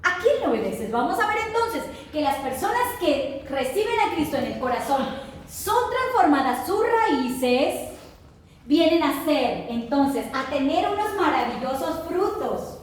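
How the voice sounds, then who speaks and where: Woman, preacher, high voice, emphatic call-and-response sermon, booming echo of a large hall. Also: expressive, measured pace, slight background noise. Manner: emphatic, asks the congregation to repeat after her. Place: church hall. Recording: very echoey hall, voice from far off. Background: congregation answering.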